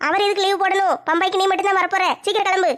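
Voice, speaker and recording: A woman playing a sharp-tongued, bossy middle-aged mother in a comedy skit, scolding and giving orders. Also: very high voice, level tone, racing. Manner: scolding, commanding.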